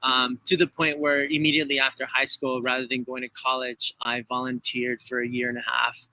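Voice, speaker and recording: A man from El Salvador talks through his story in an interview, pausing often on fillers as he searches for words. His voice is bright and clear, set at an ordinary middle pitch. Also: completely flat delivery, poor audio. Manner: hesitant, many fillers, heartfelt. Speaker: guest, trail runner. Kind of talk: conversational interview.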